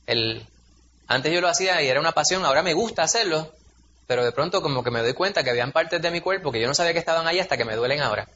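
Male preacher, 40s; chatty storytelling sermon, bright slightly high voice. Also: muffled recording, a little hiss or hum. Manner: conversational, storytelling, acts out quotes in raised voice.

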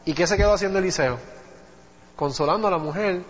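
A man preaches a sermon, telling a Bible story and checking in with his listeners as he goes. His voice sits high, and long reverb from a large hall trails each phrase. The audio is dull and muffled. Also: quick pace. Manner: conversational Bible teaching, asks the congregation "¿viste?".

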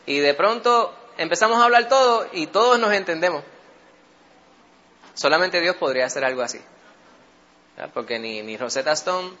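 A Puerto Rican man leads a Bible study in a conversational teaching style, repeatedly asking his listeners for agreement. His voice is a little high with a sharp tone, and the recording sounds muffled.

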